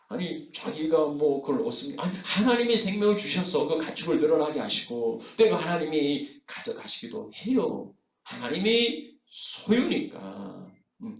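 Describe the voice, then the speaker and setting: A man's voice: a little high, reverberant, recorded from a distance. A man preaching a sermon as pastor, in a conversational way with frequent fillers and rhetorical questions. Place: church sanctuary.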